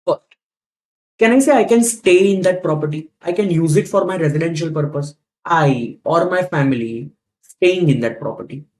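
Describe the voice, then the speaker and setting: A man's voice: high-pitched, darkish tone, poor audio. A man with an Indian accent lecturing as a teacher, repeating key points and asking rhetorical questions in a didactic way. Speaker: tax teacher. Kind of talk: classroom lecture.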